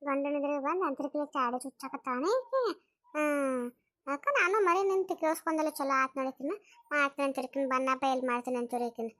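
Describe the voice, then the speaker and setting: A woman's voice: high-pitched, brisk, fairly bright tone, no echo, studio quality, pitched below the performer's own voice. A woman voicing a resentful older mother-in-law, muttering complaints about housework. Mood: grumbling.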